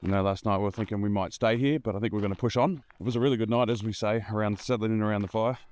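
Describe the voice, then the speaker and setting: A man's voice: fairly low pitch, steady tone, rapid-fire, a little mellow. Just-woken man on a bush walk. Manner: laid-back, rambling. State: just woken, low morning voice. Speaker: 4WD camping vlogger. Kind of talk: casual walk-and-talk vlog. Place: outdoors in the bush, walking.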